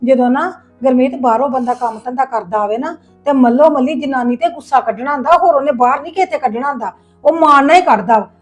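A middle-aged woman playing a patient mother-in-law who gently advises and reassures in a family drama. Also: high-pitched, quick pace, faint music behind, lightly acted. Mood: soothing. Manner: coaxing, reassuring, lecturing softly. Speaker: actor in a family web drama. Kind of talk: acted family drama dialogue.

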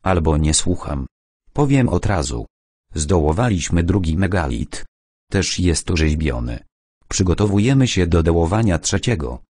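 A man reading the part of a busy archaeologist on the phone in an audiobook, brisk and hurried. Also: sits low, very animated, darkish tone, no room sound, studio quality, full character voice.

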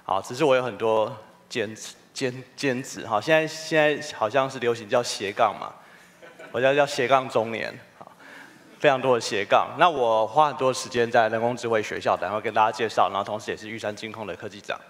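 A man in his 40s gives a humorous, story-driven keynote in a conference hall, poking fun at himself along the way. His voice is medium-pitched and fairly quick.

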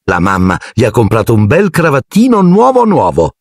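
A man's voice: mid-range voice, wildly swooping pitch, moderate pace, vocal fry, no echo, clean studio sound, voice pushed up, heavily acted. A man voicing a doting, fussy middle-aged aunt in an audiobook, in a raised, cooing voice.

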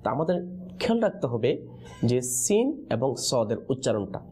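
A man leads a Quran pronunciation class, his pitch lively and swinging high and low as he drills letter sounds. His tone is mellow and soft. He calls out a question and waits for the students to finish it. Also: normal speed, breathy edge. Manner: call-and-response teaching, prompting answers with questions. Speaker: Quran recitation teacher.

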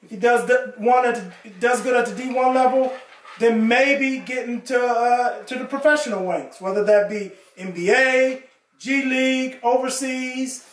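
Father, very high voice, slow hesitant talk, echoey living room. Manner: measured, hesitant with fillers. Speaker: player's father. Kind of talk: interview. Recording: roomy, distant mic.

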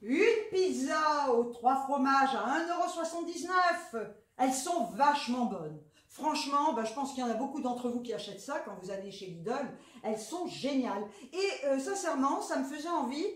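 A woman's voice: high-pitched, lively intonation, moderate pace. A woman with a southern French accent, chatting frankly and cheekily through a grocery haul, swearing freely. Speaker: vlogger showing a grocery haul. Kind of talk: casual haul chat. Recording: echoey room.

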